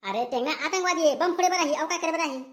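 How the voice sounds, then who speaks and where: A woman voicing a loud, commanding police officer with a Chhattisgarhi accent in a cartoon. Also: very high voice, quick pace. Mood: bossy. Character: blustering male police officer.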